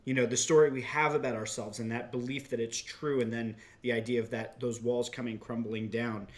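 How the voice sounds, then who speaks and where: A man's voice: medium pitch, flat delivery, a little fast. A man hosting a conversational interview in a reflective, wordy way, with clicking from note-taking in the background. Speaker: interviewer and host.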